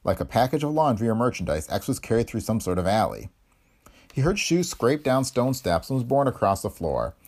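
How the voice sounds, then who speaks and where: A man narrating a 1930s pulp adventure story in a vivid, expressive reading style. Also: mid-range voice, brisk. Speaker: narrator of pulp fiction podcast. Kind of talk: dramatic audiobook narration.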